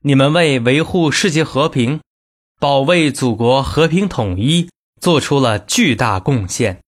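A man reads scripted in-flight cabin announcements in a formal, measured announcer style. His voice is mid-range with lively intonation.

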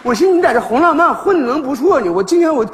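A comic actor playing a father performs northeastern Chinese sketch comedy in an extremely high voice, talking very fast, teasing and laughing often. It's recorded live on stage with hall reverb, an audience, and background noise.

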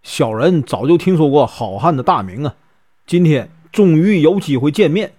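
A man voicing a humble, deferential innkeeper's husband who pleads and flatters. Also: a little high, normal speed, no echo, clean studio sound.

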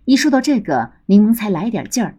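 A woman's voice: medium pitch, sing-song, brisk, warm tone, breathy edge. A woman narrating a serialized audiobook with a lightly humorous storytelling manner.

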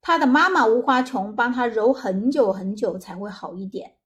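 A woman hosting and narrating a story in a gentle, conversational way, with small filler pauses. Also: fairly high pitch. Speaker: host. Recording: faint background music.

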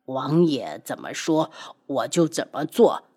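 Remorseful young male healer, faint and husky, in an audiobook, played by a woman. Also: extremely low pitch, big pitch swings, measured pace, dark tone, voice pushed down, full character voice. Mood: resigned.

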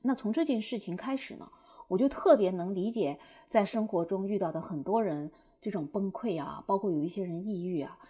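A young woman telling viewers a personal story in a lively way, acting out her own past outbursts. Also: medium pitch, a little fast, husky. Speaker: short-video creator.

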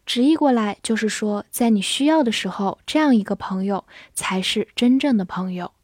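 A young woman teaching English vocabulary in Chinese, explaining patiently and slowing down to spell and drill each word. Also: medium pitch, darkish tone, no room sound, clean studio sound.

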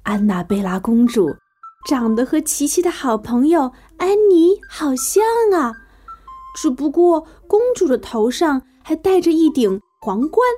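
A woman tells a children's story in a high voice that leaps up and down in pitch. Her tone is soft and mellow rather than bright, and her reading is playful and expressive over gentle background music. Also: a little slow. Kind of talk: children's bedtime story narration.

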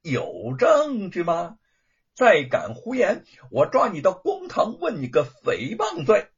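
A cackling, spoiled young lordling, as a man puts him on mocks his rival in a storybook tale. The voice rides high and swoops wildly up and down, with a husky, breathy grain. The recording sounds dull and muffled. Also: huge pitch swings, slow pace, heavily acted. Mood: scornful. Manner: taunting, cackling, sneering. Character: gloating spoiled young male lordling, cruel mocker.

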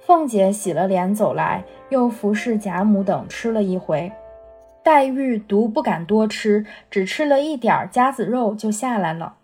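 Woman reader, husky breathy voice, steady novel narration, faint music underneath. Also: medium pitch, normal speed. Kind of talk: reading a classic novel aloud.

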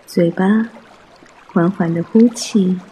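A man guiding a mindfulness meditation in a soft, hushed, breathy voice, gentle and soothing, with long pauses. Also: high-pitched, fairly even intonation, a little hiss or hum. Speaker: meditation guide.

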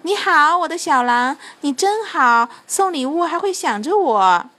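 A woman's voice: high voice, moderate pace. A woman doing a gushing, vain storybook fairy. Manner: bright gushing greeting, fussy.

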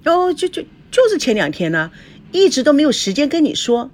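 A woman's voice: on the high side, very animated, normal speed, slightly rough, pitched above the performer's own voice. A woman doing a timid apologetic young assistant. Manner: hesitant, apologetic.

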